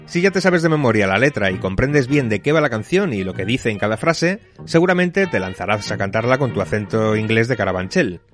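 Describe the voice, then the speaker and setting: A man's voice: fairly low pitch, animated, fairly quick, few pauses, fairly bright tone. A man giving wry, conversational advice as a contributor to a radio music segment.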